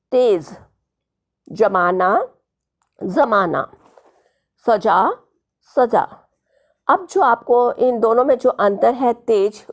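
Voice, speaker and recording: A woman teacher slowly explaining a school language lesson to children, patiently repeating each word. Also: medium pitch, gravelly. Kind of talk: slow classroom explanation. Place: online school lesson video.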